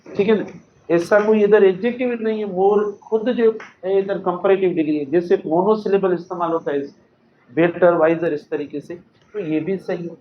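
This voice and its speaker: Man teaching English grammar in a classroom. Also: high-pitched. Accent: Sindhi-accented Urdu. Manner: explains patiently, repeats example sentences slowly, asks students questions. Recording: echoey classroom, dull lo-fi recording with faint noise.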